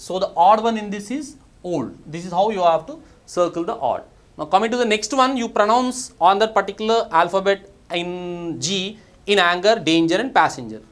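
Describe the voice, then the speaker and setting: A man with a Telugu accent gives a recorded pronunciation lesson, switching between Telugu and English. His voice sits high and he talks at a slow, deliberate pace, posing questions and then answering them himself. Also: expressive, a bit bright. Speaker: English teacher.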